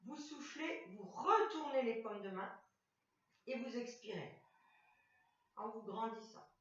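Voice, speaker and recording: A high, bright-voiced woman guides a chair workout, cueing breaths and movements slowly and patiently. She sounds far from the microphone, in a very echoey room with a dull, muffled recording. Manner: calm step-by-step cueing, repeating commands. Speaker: fitness instructor. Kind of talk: guided exercise class instruction.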